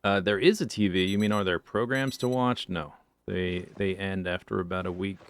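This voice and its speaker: A man with a lowish voice mutters his way through a game, half talking to himself and half to viewers. He drifts between thoughts with a relaxed, unhurried ramble. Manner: muttering to himself, musing aloud. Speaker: streamer. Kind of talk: casual gameplay commentary.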